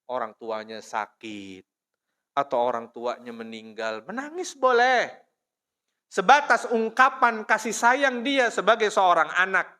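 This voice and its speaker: Male mosque lecturer from Indonesia, high bright voice, chatty storytelling delivery. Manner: storytelling, addresses listeners as "Pak", frequent "ya". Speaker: preacher.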